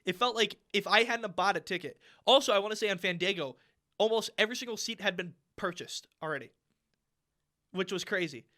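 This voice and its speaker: A young man with a high, bright voice co-hosts a podcast. He tells his story in an animated, exasperated way, swearing freely as he rants. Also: fairly quick. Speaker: podcast co-host. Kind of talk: casual storytelling rant. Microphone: podcast mic.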